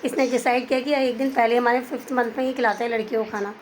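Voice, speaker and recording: A woman's voice: on the high side, fairly even intonation, fast talker, crowd noise. A young woman chatting casually to her viewers in a family home, explaining everything as she goes. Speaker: vlogger. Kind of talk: casual vlog narration.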